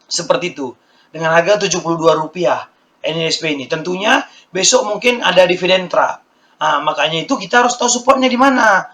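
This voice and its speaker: A hoarse man walking viewers through stock charts in a casual lesson, repeating his points and calling his audience friends. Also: high-pitched, pushed and bright. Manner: repetitive, keeps addressing viewers as friends. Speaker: stock market educator. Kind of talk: screen-share stock chart walkthrough.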